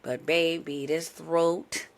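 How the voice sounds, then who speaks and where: A woman's voice: sits low, level tone, slow pace. A young adult woman hosting her own podcast. She has a sore throat and chats playfully, speaking straight to her listeners. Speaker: podcast host. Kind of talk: casual chat.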